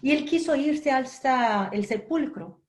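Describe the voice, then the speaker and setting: Gentle, slightly high-voiced woman lecturer. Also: lively intonation. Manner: gentle, unhurried storytelling with soft asides. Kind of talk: spiritual lecture with personal storytelling.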